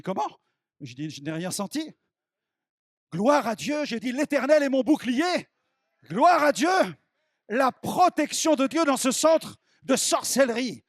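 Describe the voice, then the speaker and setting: High-pitched guy preaching, acts out the dialogue, gets shouty, dry sound. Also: dry recording. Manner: emphatic, builds to shouting peaks; acts out dialogue in his stories. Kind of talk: evangelistic sermon with personal stories.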